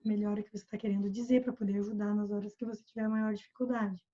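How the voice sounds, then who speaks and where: A woman's voice: medium pitch, little pitch movement, fast, warm tone. A Brazilian woman teaching English over a video call, explaining patiently and repeating examples. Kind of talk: online English lesson. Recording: muffled video call audio.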